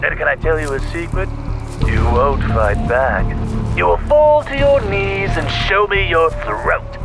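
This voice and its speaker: A man's voice: on the high side, lively intonation, a little slow, creaky, music in the background. A man playing a gleefully menacing, obsessive clown supervillain in an audio drama, theatrical and taunting. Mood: mocking, menacing. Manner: theatrical, taunting, wildly swooping delivery.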